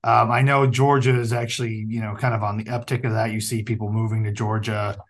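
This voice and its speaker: Halting man with an Ozark accent. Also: lowish voice, little pitch movement. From Southwest Missouri Ozarks, USA. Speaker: interviewer. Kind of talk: casual conversational interview.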